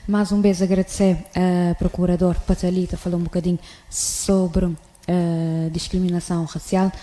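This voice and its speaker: A woman radio host wrapping up her program in a relaxed manner with fillers. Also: on the low side, normal speed, long reverb tail.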